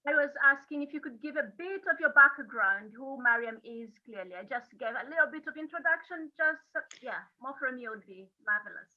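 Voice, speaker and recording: A woman's voice: high voice, expressive. Effusive female host on a tinny line. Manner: effusive, halting with fillers. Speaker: show host. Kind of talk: online interview show introduction.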